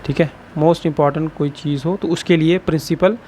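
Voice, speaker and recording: A male shorthand teacher explains a lesson, tagging almost every phrase with "ठीक है" and repeating words slowly. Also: a little high, steady tone, dark tone, a little hiss or hum.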